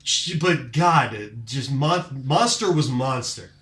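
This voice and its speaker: A man of ordinary pitch hosts a casual podcast, recapping results with rambling enthusiasm. His voice bounces around a roomy, echoing space. Fillers and restarts run through his talk. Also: animated, slow pace, a bit bright. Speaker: podcast host.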